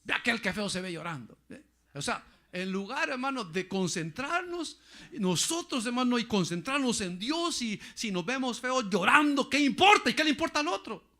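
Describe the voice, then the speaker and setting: A man pastor preaching a sermon, repeating phrases and often calling listeners "brother", going loud for emphasis and dropping quiet for asides. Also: extremely high pitch, very animated, normal speed.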